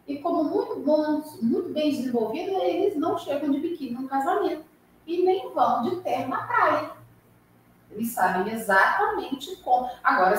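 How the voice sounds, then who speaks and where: A woman leading a spiritist study class, animated and acting out quoted voices, recorded far off in a hall. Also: high-pitched. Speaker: study group lecturer. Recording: echoey room from far off, faint hiss.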